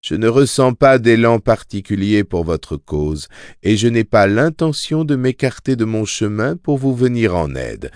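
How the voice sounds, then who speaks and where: A detached, aloof arbiter lays out his terms, as a male narrator puts him on. He speaks slowly and measuredly in a lowish voice. The audiobook sound is dry and close. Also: no echo. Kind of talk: audiobook character reading.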